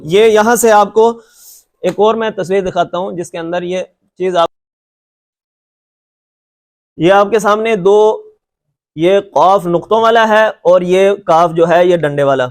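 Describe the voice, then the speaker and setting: A man's voice: high voice, long pauses. A man teaching Quran recitation in a lecture, patiently repeating points and stretching out letter sounds to demonstrate them, with a reassuring tone. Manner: reassuring and encouraging. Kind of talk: classroom lecture with slides.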